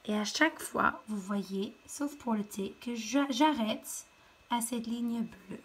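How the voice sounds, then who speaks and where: A woman's voice: on the high side, husky. A woman teacher giving a patient, step-by-step handwriting lesson to young children. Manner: slow, patient step-by-step instruction.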